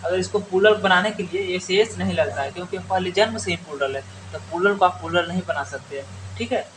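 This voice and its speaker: A man's voice: high-pitched, quick pace, background noise. A man teaching an English grammar lesson in Hindi, who asks his class questions and answers them himself with many repeats. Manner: many restarts and fillers.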